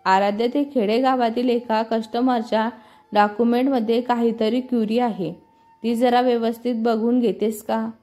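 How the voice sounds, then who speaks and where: A woman voicing a calm, soft-spoken young man who is a bank officer and quietly in love. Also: on the high side, normal speed, close to an everyday voice.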